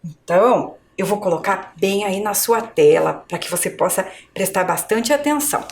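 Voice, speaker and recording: A Brazilian woman teaching a video lesson to young children, with slow, clear, exaggerated pronunciation. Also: mid-range voice, lively intonation. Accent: Brazilian Portuguese. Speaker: primary school teacher. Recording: echoey room.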